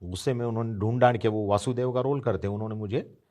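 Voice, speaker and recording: A man's voice: on the low side, quick pace, darkish tone. A man in his fifties, an interview guest, telling an anecdote and acting out the voices of the people he quotes. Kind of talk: storytelling anecdote.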